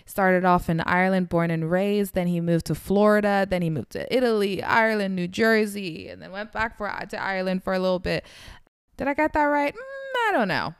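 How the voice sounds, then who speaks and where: Upbeat woman host, smooth and lower-pitched, recorded dry. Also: animated, normal speed, no echo. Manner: upbeat, lots of listening affirmations. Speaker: podcast host. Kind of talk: casual podcast interview. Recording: dry close sound.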